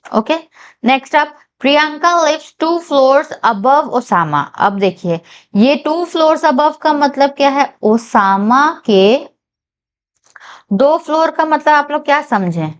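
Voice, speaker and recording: A woman teaching a whiteboard reasoning lesson, reading each English statement slowly and carefully and checking in with her viewers. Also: high voice, expressive, muffled recording. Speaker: reasoning tutor for bank exams.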